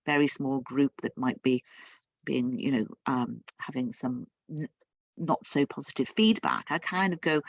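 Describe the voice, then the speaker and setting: A woman's voice: sits low, vocal fry, no echo, muffled recording. A woman guest speaker from the United Kingdom answering webinar questions thoughtfully, with many restarts and fillers.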